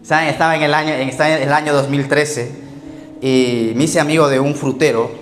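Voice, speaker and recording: Un pastor que predica un sermón contando anécdotas, hace preguntas a la congregación y se ríe de sus propios chistes. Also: male voice, a little high, steady tone, brisk. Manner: storytelling, asks the congregation questions, laughs at his own jokes. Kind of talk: sermon. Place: church hall. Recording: echoey church hall with faint music.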